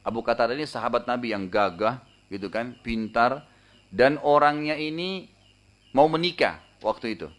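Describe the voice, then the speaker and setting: A man's voice: medium pitch, moderate pace, a bit bright. A man preaching in a religious lecture who retells a story with animation, often tags his sentences with short questions, and briefly voices the people he quotes. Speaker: Islamic preacher.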